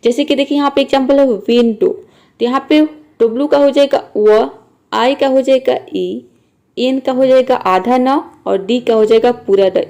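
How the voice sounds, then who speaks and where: A woman's voice: a little high, gravelly, dark tone. Patient woman teaching pronunciation rules. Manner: patient, repetitive, methodical. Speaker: English teacher. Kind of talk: spoken explanation of pronunciation rules.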